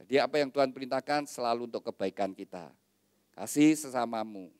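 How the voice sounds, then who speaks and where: A man's voice: medium pitch, a little fast, a little mellow, smooth, no room sound. A middle-aged man, a pastor giving a wedding sermon and making joking asides to the couple.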